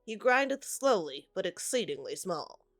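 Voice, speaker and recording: A woman's voice: mid-range voice, sing-song, normal speed, faint music behind, lightly acted. A woman voicing a smug, sanctimonious young rich man with a nasal voice. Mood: pious.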